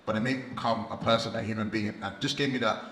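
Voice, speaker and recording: A man's voice: lowish voice, steady tone, fast talker, a bit bright. A young man, giving informal personal testimony on stage in a casual manner. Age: young adult. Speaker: youth programme graduate, snowboard instructor. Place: large event hall, on stage. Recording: echoey hall, background noise.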